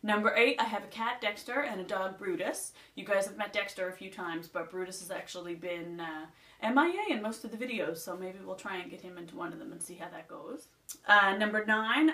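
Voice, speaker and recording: A young Nova Scotian woman with a medium-pitched, slightly bright voice and a local twang chats her way through a list in a casual beauty vlog. She sits indoors at home, and the distant mic gives the recording a roomy sound.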